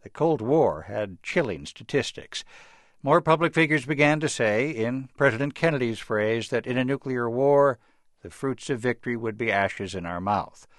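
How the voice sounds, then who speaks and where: A man reading a scripted news report in a measured, even way. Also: medium pitch, no echo, studio quality. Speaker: news correspondent.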